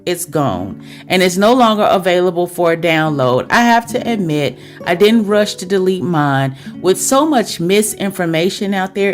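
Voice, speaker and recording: A woman podcast host with a medium-pitched voice speaks straight to her listeners. She's chatty and confiding, like one girlfriend to another, tossing out rhetorical questions.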